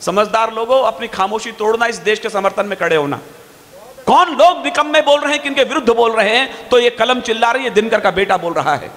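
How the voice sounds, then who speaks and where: A man reciting his poetry on stage in a fiery, declaiming style, stretching his verse lines slowly. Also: very high voice, a bit bright, slight background noise. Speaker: poet on stage. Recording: long hall reverb.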